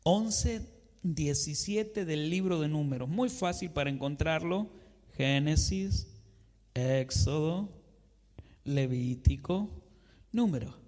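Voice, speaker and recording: A man preaches a sermon in a church, his voice sitting high and his delivery slow and deliberate. He quizzes the congregation and answers himself, and he acts out conversations between a believer and God. A long church reverb trails after every phrase. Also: darkish tone. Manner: asks the congregation questions and answers them himself. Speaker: pastor.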